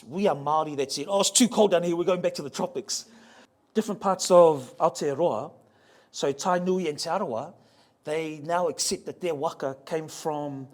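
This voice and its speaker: A man giving a public talk to a live audience, playful and joking, spelling out how words sound and getting the crowd to repeat them. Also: on the high side. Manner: spells out pronunciation slowly. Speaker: speaker on ocean voyaging heritage. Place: museum talk venue.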